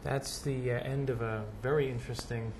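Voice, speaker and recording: A man's voice: mid-range voice, steady tone, moderate pace, darkish tone, slight background noise. A man hosting a casual interview, asking his questions in a tentative, hesitant way. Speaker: host.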